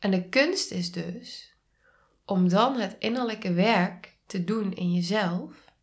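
Slow, soft-spoken Dutch woman. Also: mid-range voice. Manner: slow, calm, soft-spoken, drops to whispers. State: sneezing. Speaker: podcast host and coach. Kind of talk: reflective solo podcast talk.

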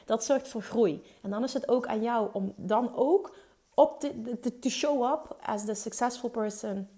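A woman's voice: medium pitch, mellow. A woman coaching entrepreneurs in an emphatic motivational monologue, dropping English phrases into her talk. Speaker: business coach.

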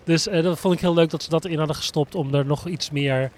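A man's voice: fairly high pitch, steady tone, quick pace. A man co-hosting a casual chat, explaining at length with frequent hesitation fillers. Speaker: podcast co-host reviewing a musical.

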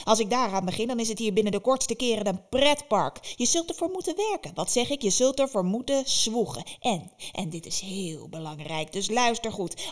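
A woman voicing a cruel old witch who mocks and threatens in slow, drawn-out words. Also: a little high.

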